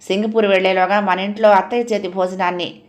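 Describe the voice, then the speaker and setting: A woman's voice: mid-range voice, level tone, fast talker, close to an everyday voice. A woman voicing a bitter, proud rich young man who speaks coldly and scornfully in a storybook reading. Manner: cold, cutting, scornful.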